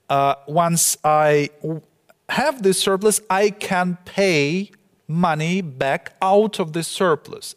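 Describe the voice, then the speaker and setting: A man lectures slowly and deliberately, his slightly high voice pausing between phrases. His words ring out with a long echo that fills a large hall. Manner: halting, measured, with frequent pauses. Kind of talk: academic lecture.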